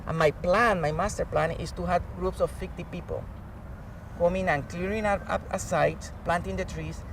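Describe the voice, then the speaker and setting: Outdoors, with a distant mic picking up clear traffic noise, a man from Colombia speaks as an interview guest, earnestly and animatedly explaining his field as a professor and climate change expert. His voice sits high with fairly even intonation at a moderate pace, carrying a Colombian accent from his native Spanish.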